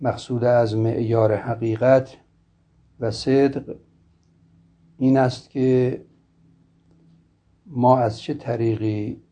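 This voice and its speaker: A man giving a formal philosophy lecture in a slow, measured, scholarly way, often clearing his throat. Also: medium pitch, dark tone. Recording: dull lo-fi recording.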